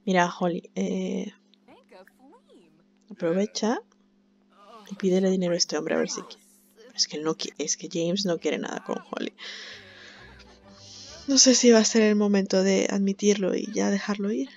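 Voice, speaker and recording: A woman's voice: mid-range voice, fairly even intonation, normal speed, creaky, long pauses, a little mellow, highs cut off. A woman giving chatty, sympathetic game commentary, laughing often. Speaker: gameplay commentator. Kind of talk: casual let's-play commentary.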